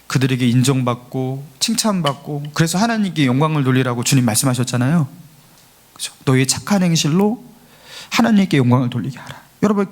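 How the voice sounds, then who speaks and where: A man pastor preaching a Sunday sermon, earnest and pleading, acting out the taunts of scoffers and building to fervent emphasis. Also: fairly high pitch. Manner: acts out mocking voices of scoffers. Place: church sanctuary.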